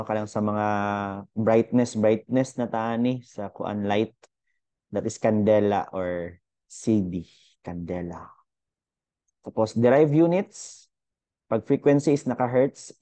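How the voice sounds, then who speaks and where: A man's voice: fairly low pitch, warm tone, no echo. A young man teaching a casual physics lesson, chatty and thinking aloud with fillers as he goes through units.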